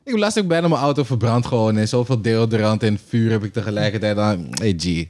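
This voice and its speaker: A man co-hosting a podcast, talking in a casual, animated way, swearing and dropping English phrases. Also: fairly low pitch, quick pace, a little hiss or hum. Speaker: podcast co-host. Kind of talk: casual chat.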